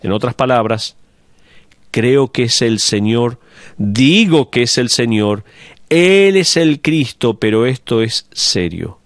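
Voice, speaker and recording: A man voicing a dubbed sermon over the picture, preaching in a measured, emphatic way. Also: medium pitch, animated, dry recording, studio quality.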